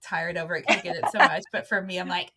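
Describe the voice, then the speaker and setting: A woman's voice: lowish voice, fast talker, background noise. A young woman co-hosting a casual podcast, rambling through anecdotes and laughing often. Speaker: podcast co-host. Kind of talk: casual chat.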